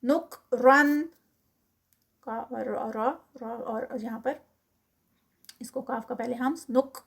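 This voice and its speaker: Woman teaching slow Quran recitation. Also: fairly high pitch, creaky, breathy edge. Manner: slow drawn-out model recitation, then quiet quick explanation. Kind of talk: recitation lesson, Urdu with English terms.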